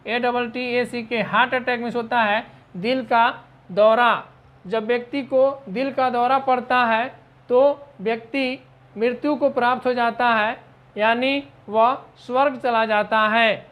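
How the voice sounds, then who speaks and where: A fairly high-voiced woman leads a vocabulary lesson. She spells each word out letter by letter, then explains its meaning at a patient, measured pace. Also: fairly bright tone. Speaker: English teacher.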